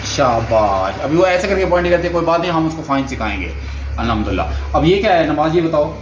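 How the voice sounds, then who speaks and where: A man's voice: fairly high pitch, fast, a little hiss or hum. Patient male therapist in echoey room. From Pakistan. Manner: patient, repeats prompts and praises often. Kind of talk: speech therapy session with commentary. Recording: dull, echoey room recording.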